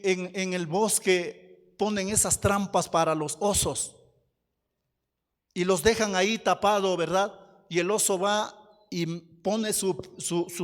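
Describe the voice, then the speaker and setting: A man preaching a sermon as pastor, slow and emphatic, asking the congregation questions. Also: high-pitched, in a large hall. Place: church hall.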